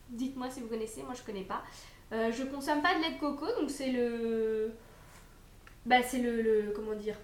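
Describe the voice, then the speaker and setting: A young woman with a high voice talks through a box of food products, chatty and a little hesitant, pausing on fillers as she goes. Her voice rings in an echoey room at home, with a faint hum behind it. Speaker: unboxing vlogger. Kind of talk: casual product review.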